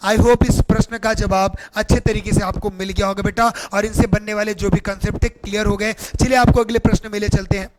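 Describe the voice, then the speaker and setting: A man's voice: high voice, level tone, heavy background noise. A man teaching English grammar in an exam-prep lesson, drawing words out in a sing-song way and asking questions he answers himself. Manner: sing-song, drawn-out teaching delivery, calls viewers beta; asks rhetorical questions and answers them himself.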